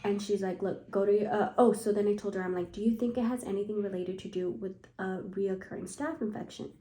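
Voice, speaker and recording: A woman's voice: medium pitch, steady tone, a little fast, dark tone. A young woman telling a personal story to camera in a casual vlog, filling her speech with "like" and retelling her fear. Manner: anxious retelling, heavy use of "like". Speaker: vlogger. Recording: echoey room.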